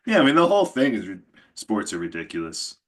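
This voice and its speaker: A man's voice: lowish voice, huge pitch swings, fast talker, a bit bright. A man from New Jersey, an instructor reflecting thoughtfully in a class discussion over a video call.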